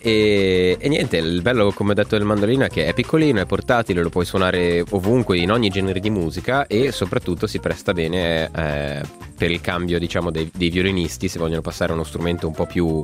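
A man in explains an instrument in casual chat, haltingly searching for words. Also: low-pitched, faint music behind. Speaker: musician guest explaining an instrument.

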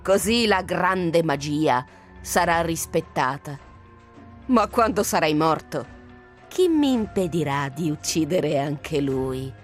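La Strega Bianca, beffarda e lenta. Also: female voice, sits low, lively intonation, takes it slowly, faint music behind. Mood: gloating. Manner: mocking, venomous, triumphant. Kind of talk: radio drama reading.

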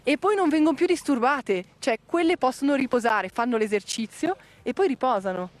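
A woman reporting live from an outdoor event, lively and curious, asking questions. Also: high voice, brisk. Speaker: field reporter. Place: outdoors at a sheepdog trial.

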